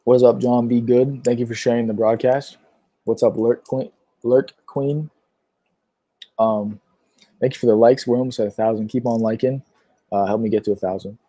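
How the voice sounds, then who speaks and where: A man's voice: medium pitch, fairly even intonation, normal speed, pauses often, warm tone, dry recording. A young man from Pennsylvania chatting casually on a livestream, answering viewer questions with lots of fillers and a sore throat. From Pittsburgh, Pennsylvania. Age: young adult. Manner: rambling, many fillers.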